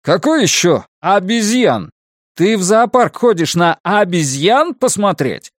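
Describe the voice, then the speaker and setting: A man's voice: on the high side, lively intonation, slow, gravelly, dry recording, studio quality, full character voice. A man voicing a stern, self-controlled male hacker who speaks in an icy, clipped way. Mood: scolding. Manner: icy and clipped, flares into scolding.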